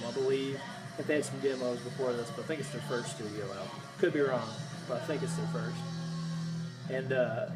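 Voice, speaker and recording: A man hosting his channel, chatting casually and rambling through a haul, a bit winded, with many fillers and restarts. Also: medium pitch. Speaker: channel host showing a music haul. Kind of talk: casual chat. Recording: music playing in the background.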